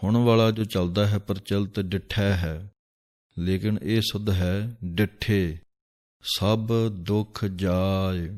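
Low steady guy teaching how to recite a prayer, chants each line slow then breaks down the spelling. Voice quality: calm, measured, drawn-out chanting of each verse. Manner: recites a verse slowly, then explains its spelling and correct pauses. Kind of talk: pronunciation lesson with chanted verses.

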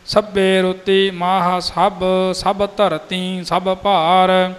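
Slow chanting man in a reverberant hall. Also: high voice. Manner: slow, even, sung-through chanting. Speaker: scripture reciter. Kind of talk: chanted scripture recitation. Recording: long hall reverb, faint music.

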